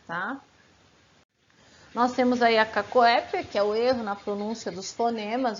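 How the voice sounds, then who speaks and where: Female teacher, higher voice, casual rhetorical lesson style, muffled recording with light hiss. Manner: conversational, frequent "né" and "tá" tags, asks rhetorical questions. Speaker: Portuguese teacher. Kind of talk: informal grammar lesson. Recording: slightly muffled, faint background hiss.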